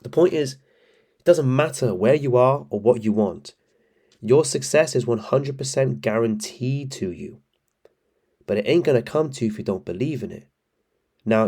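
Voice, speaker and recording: A man's voice: medium pitch, dark tone. A man giving blunt, motivational advice on trading. He swears often, keeps calling his viewers bro, and sounds congested from allergies. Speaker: trading coach. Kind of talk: casual motivational talk to camera.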